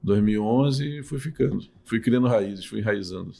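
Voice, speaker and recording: A man's voice: fairly low pitch, normal speed, gravelly, dark tone. A middle-aged man from Salvador, a urologist and professor, answering podcast interview questions in a patient, explanatory way with many restarts. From Salvador, Bahia, Brazil.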